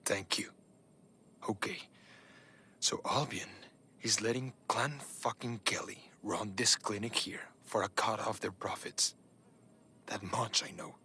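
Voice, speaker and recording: An actor playing an earnest, stubborn young male hacker activist in a video game, talking casually and urgently in a husky, breathy voice. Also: fairly low pitch, unhurried, pauses often, sharp tone, a little hiss or hum. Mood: urgent, determined.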